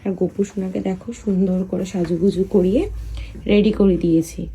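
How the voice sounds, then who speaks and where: A woman vlogging softly at home, chatting about her chores while someone sleeps nearby. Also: mid-range voice, steady tone, moderate pace, poor audio. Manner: soft, hushed talk so as not to wake a sleeper; chatty, homely running commentary on chores. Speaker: family vlogger. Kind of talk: casual vlog narration. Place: home, indoors.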